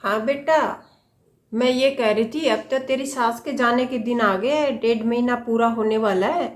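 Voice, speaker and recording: A woman's voice: a little high, normal speed, reverberant, lightly acted. A woman playing a middle-aged mother who patiently lectures her daughter with homely advice. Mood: scheming.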